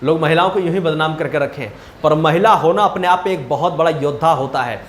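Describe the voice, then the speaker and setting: Chatty high-voiced male teacher, echoey room. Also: brisk, a little hiss or hum. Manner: chatty, keeps asking the class if they follow. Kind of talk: storytelling lesson retelling a chapter.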